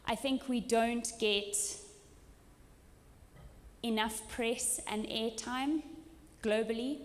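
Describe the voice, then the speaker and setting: A woman from Zimbabwe giving an earnest, emphatic keynote speech at a conference, with some ums. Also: medium pitch. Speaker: conference speaker. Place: conference hall. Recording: hall reverb.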